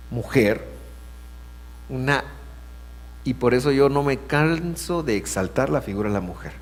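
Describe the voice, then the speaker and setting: A man preaching in a lively, rising-and-falling voice, swinging from hushed asides to loud emphasis. His sermon rings with a long reverb through a church hall. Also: mid-range voice. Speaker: pastor.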